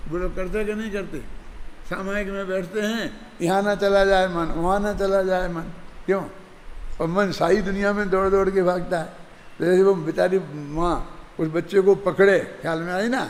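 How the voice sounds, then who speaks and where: An older man gives a religious discourse in a high, gravelly voice. He talks conversationally and keeps checking that his listeners follow. The recording has a long hall reverb and faint background noise. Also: darkish tone. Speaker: Jain scripture teacher.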